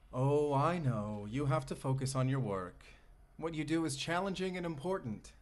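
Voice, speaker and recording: The man's medium-pitched voice is lightly acted as he portrays a lovestruck, devoted AI companion in a romantic audio roleplay. Gently reassuring, he addresses the listener intimately, tender, articulate and formally polite.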